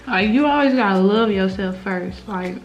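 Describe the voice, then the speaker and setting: A woman's voice: mid-range voice, normal speed, soft background music. The recording is slightly muffled and lo-fi. An American woman chats casually as a mukbang host, giving earnest advice in slangy, informal speech. She talks as if to close girlfriends while eating. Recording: slightly dull, lo-fi sound.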